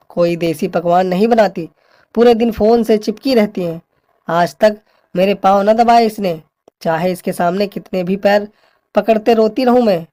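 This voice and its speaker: A woman's voice: mid-range voice, mellow, close to an everyday voice. A woman playing a bossy, complaining older mother-in-law who scolds her daughter-in-law.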